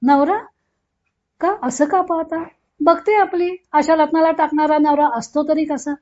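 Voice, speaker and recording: A woman reading the part of a sharp-tongued, teasing older aunt who talks bluntly and scolds, in a dull lo-fi recording. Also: high voice, steady tone, a little slow. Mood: scolding.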